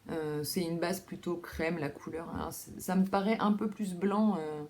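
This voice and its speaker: Fairly low-pitched and darkish in tone, a woman speaks at normal speed with fairly even intonation. The young host of a knitting video podcast, she chats casually from a home room with a window, with many fillers, restarts and self-deprecating asides.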